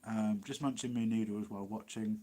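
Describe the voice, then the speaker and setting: The host, a man from Nottinghamshire with an East Midlands English accent, talks a little fast in a fairly low, dark voice with fairly even intonation. He rambles and laughs often during a casual live Q&A on his livestream.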